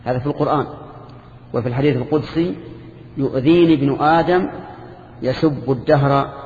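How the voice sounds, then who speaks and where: An older man teaching a lesson to students, explaining a classical text in a measured way with restarts and questions to the class. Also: medium pitch, darkish tone. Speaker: teacher of Islamic creed. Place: lecture hall with students. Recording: echoey hall, dull lo-fi tape with faint hiss.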